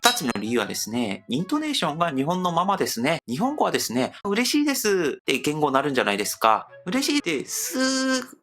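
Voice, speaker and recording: A man from Seoul with a Korean accent, a native Korean speaker, hosting a language-learning video and explaining with demonstrative examples. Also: fairly high pitch. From Seoul, South Korea. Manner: lively, animated delivery with demonstrative examples. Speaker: host.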